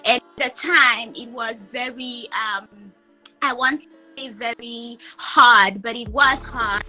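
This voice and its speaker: A woman's voice: a little high, fairly even intonation, narrow, tinny audio, soft background music. A woman in her thirties from Rwanda, a guest telling her life story in an interview, speaking carefully with many restarts. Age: 30s. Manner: careful, halting, repeats and restarts while explaining.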